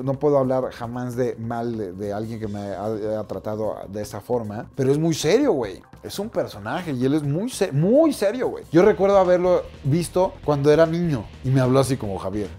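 A man's voice: mid-range voice, lively intonation, a little fast, few pauses, mellow. A man with a Mexican accent telling casual anecdotes as a comedian vlogger, slangy and playful, acting out the people he talks about. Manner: slang-heavy, playful, acts out other people mid-story. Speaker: comedian and YouTuber.

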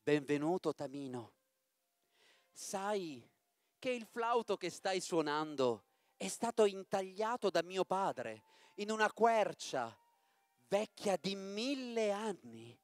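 A gentle young princess from a storybook, as a man reads her. The voice is soft and tender, with lively rises and falls. The sound is dry and close. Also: high voice, slow pace, no room sound, full character voice.

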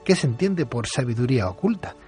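A man hosts a late-night radio interview in a Spain Spanish accent, courteous and a little hesitant. His pitch sits at an ordinary middle. Faint music runs under his voice. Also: animated, darkish tone. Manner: courteous, measured, with hesitant fillers. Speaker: radio host.

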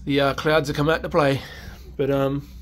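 A man's voice: a little high, level tone, moderate pace, a little hiss or hum. Rambling man vlogging his car work. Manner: rambling, many ums and trailing restarts. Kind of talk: casual vlog chat. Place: open carport at home, outdoors. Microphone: phone camera held close.

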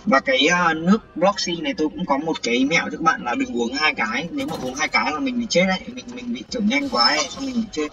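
A man giving excited, panicky commentary on a game livestream, often repeating words when startled. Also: high voice, quick pace, gravelly, hardly any pauses, recorded from a distance. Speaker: gaming livestreamer. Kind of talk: live gameplay commentary. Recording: dull lo-fi sound with faint game music.

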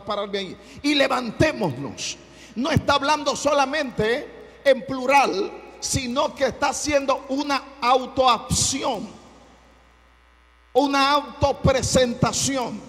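High-voiced fervent preacher. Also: male voice, in a large hall. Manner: fervent preaching, bursts into shouting, repeats phrases. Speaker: pastor. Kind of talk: sermon.

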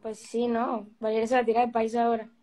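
A young woman telling a story in a lively, casual way on a livestream, with easy slang and swearing. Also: on the high side, fast talker, slight background noise. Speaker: livestream co-host.

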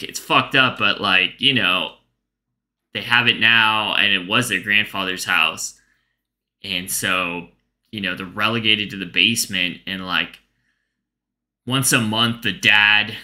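Deep, sharp-voiced man rambling deadpan. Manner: casual rambling with constant fillers and profanity. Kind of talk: comedic storytelling monologue.

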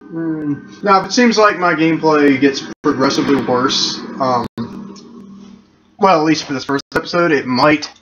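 A man's voice: a little high, moderate pace, dull audio, noisy background. A young man casually commenting on a game he plays, rambling and chatty, eating chips as he talks. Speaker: let's play gamer.

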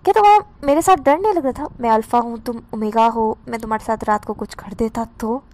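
A woman voicing a confident, protective young man who teases and questions gently. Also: on the high side, fairly quick, close to an everyday voice. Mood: teasing.

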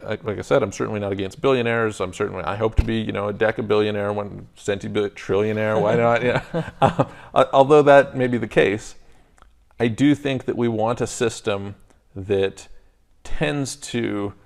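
A man's voice: lowish voice, steady tone, moderate pace, creaky. A man in his thirties, co-hosting a podcast in casual debate, reasoning thoughtfully in steps with frequent restarts, on a lapel mic in a studio lounge. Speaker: podcast co-host. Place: studio lounge set with armchairs.

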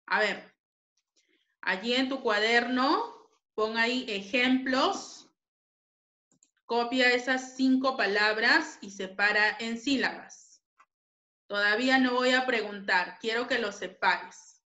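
A woman teacher with a bright, fairly high voice walks pupils through a grammar lesson. She speaks slowly and repeats key points with patience. The room around her echoes. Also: highs cut off.

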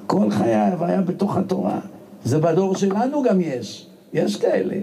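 A male rabbi delivers a sermon through lively storytelling, slipping into the voices of his characters. His voice sits high with a mellow, warm tone. A faint noise hums beneath him. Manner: animated storyteller, acts out voices.

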